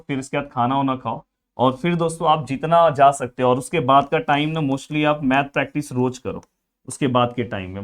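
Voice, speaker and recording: A man, coaching students through an exam study plan in an energetic, friendly way. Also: medium pitch, clean tone. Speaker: tutor.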